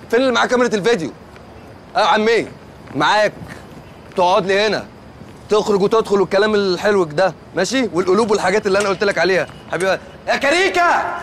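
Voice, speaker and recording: Brash working-class Egyptian comedy wedding planner, very fast, slangy, high-voiced, faint noise behind. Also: male voice, a bit bright. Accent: Egyptian Arabic, working-class street register. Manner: slangy, bossy, over-familiar. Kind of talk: TV comedy acting.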